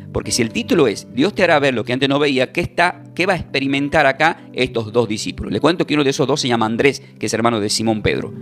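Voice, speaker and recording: A man preaching a sermon as pastor, explaining scripture and asking rhetorical questions of the congregation. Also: medium pitch.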